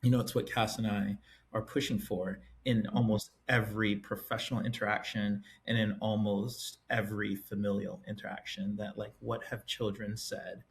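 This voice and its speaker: A middle-aged man from Liberia, an educator and author, speaking as a podcast guest in a thoughtful, measured way with frequent ums. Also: on the low side, vocal fry, slight background noise. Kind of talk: reflective interview talk.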